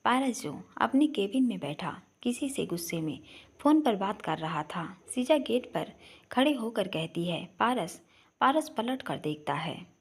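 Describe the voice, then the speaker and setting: A woman's voice: mid-range voice, very animated, a little slow, slightly rough. A woman narrating a family drama as a storybook reader.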